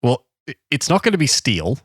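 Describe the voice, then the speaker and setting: Joking Australian man with a lively voice. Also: mid-range voice, fairly quick, husky, no echo, clean studio sound. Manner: joking, chiming in with quips and short reactions. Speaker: podcast co-host. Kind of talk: casual chat.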